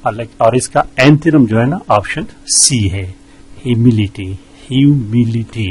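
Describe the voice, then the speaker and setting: Male teacher, husky, slow and methodical, pausing often. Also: medium pitch, lively intonation, poor audio. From Pakistan. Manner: slow, methodical, many hesitations. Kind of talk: explaining vocabulary quiz answers.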